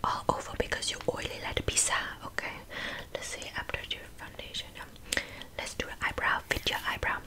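A woman's voice: a little fast, natural voice. Woman's whispered role-play of a bossy, accented makeup artist. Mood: brisk, critical. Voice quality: breathy unvoiced whisper with wet mouth sounds. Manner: scolding, blunt, clipped phrasing. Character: bossy, blunt, insulting female makeup artist.

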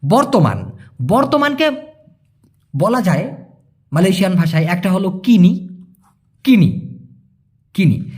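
A man from Bangladesh giving a casual spoken language lesson, repeating each word slowly for pronunciation and talking to viewers as brothers. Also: high-pitched, darkish tone. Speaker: language teacher.

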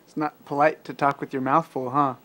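A young father at home in his apartment, patiently quizzing his toddler with playful questions and soft laughs. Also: mid-range voice, little pitch movement, brisk. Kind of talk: casual home video chat with a toddler.

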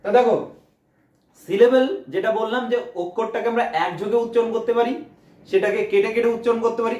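High-voiced Bengali man teaching English. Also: reverberant. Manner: explains step by step, asks and answers his own questions. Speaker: English teacher for exam prep. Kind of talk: online exam coaching lesson.

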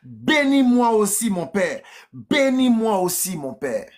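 Man doing a bitter grieving son, pleading, raised pitch, lively swings, slow and drawn out. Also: heavily acted. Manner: crying out, repeating the plea. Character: grieving young man pleading with his father.

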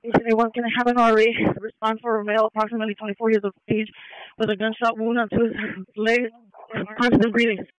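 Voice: mid-range voice, little pitch movement, fast, no room sound, highs cut off. A police officer calling in clipped, terse updates over a police radio. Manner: clipped, procedural. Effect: police radio transmission. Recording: police scanner radio audio.

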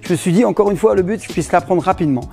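A man's voice: sits high, rapid-fire, creaky, a little mellow, soft background music. A middle-aged man with a French accent teaching self-defense in a casual demonstration, joking and laughing often as he explains.

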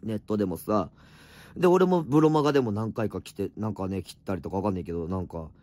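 A middle-aged man with a slightly hoarse voice, chatting casually on a late-night livestream from home, reading viewer comments and answering them bluntly with teasing, rough asides. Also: fairly low pitch, animated, quick pace, darkish tone. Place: at home, wrapped in an electric blanket.

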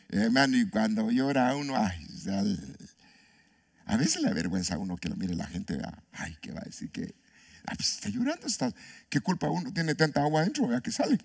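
A man pastor preaching an animated sermon, asking his congregation questions and mixing in humor. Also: mid-range voice. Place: church.

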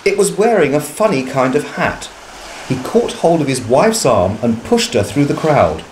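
A man's voice: fairly high pitch, normal speed, slight background noise, low-quality recording. Man reading a storybook expressively. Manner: expressive, lively storybook delivery. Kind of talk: reading a children's storybook aloud.

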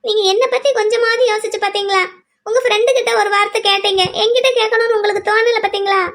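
This is a woman voicing a torn, tearful young widow in a cartoon drama, her voice sitting very high and thin. She pleads anxiously, caught between duty and her own heart. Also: little pitch movement, fast, a bit bright. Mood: distressed. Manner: pleading, distressed.

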